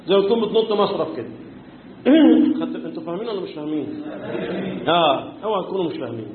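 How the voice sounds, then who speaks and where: A man's voice: high voice, lively intonation, racing, crowd noise. Egyptian guy teaching tajweed, keeps asking students stuff, echoey tinny phone-like audio. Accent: Egyptian Arabic. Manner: quizzes students, answers his own questions; chants the verses in recitation. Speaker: Quran recitation teacher. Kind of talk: tajweed lesson.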